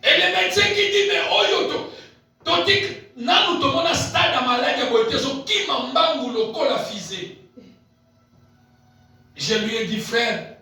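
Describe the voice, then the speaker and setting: Man preaching loud, high bright voice, big shouts then quiet asides, lots of echo from far off. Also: animated, a little slow. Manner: swings between shouted peaks and low murmured asides; repeats and stretches key phrases. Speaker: pastor. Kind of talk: sermon. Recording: very echoey hall, voice picked up from a distance.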